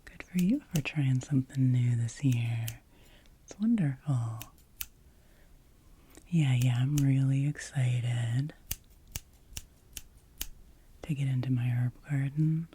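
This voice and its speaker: A woman performs a whispered role-play as a hairdresser, close to the microphone. Her whisper is low, breathy and mellow, with a very unhurried pace. She soothingly repeats short phrases in an ASMR style. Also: a little hiss or hum. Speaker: ASMR creator playing a hairdresser.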